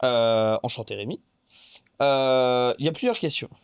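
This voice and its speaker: A man hosting a card game podcast, chatting casually, often answering with quick agreements and reading out listener questions. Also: medium pitch, clear, resonant tone, dry recording, clean studio sound. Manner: frequent short agreeing interjections.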